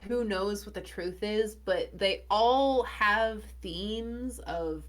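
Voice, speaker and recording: Woman podcast co-host, analytical film talk, mid-pitched, warms up when excited. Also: slow. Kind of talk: casual movie discussion.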